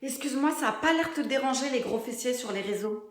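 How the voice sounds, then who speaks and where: A woman voicing a suspicious, fed-up young mother and partner in a scripted text-to-speech drama. Her voice sits a little high. It rings with clear room echo. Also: fast, lightly acted. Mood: defensive.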